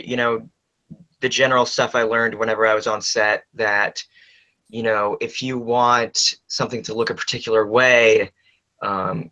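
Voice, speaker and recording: A man's voice: mid-range voice, sharp tone, low-quality recording. A man, a cast member in a casual online Q&A, answering with dry, hesitant humor.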